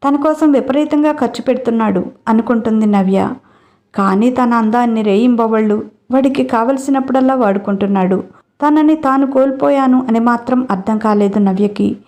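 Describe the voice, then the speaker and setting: A woman storyteller narrates a dramatic audiobook story at a steady pace. Her voice is mellow and warm, with a dark, soft tone throughout. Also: on the high side, moderate pace.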